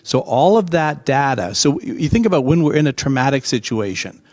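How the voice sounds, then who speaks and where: A middle-aged man explaining his ideas as a guest in a conversational interview, emphatic and animated, acting out bits of dialogue. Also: mid-range voice, normal speed, dry recording. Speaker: guest expert.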